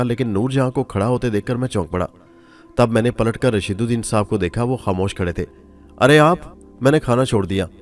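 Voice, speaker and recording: A man narrating a first-person story in a measured, expressive way. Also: lowish voice. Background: soft music.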